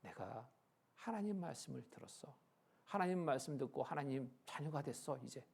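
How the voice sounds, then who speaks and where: A man voicing an indignant, foul-mouthed old village grandmother in sharp, scolding outbursts within a sermon story. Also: medium pitch, expressive, normal speed, vocal fry, breathy edge. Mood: earnest.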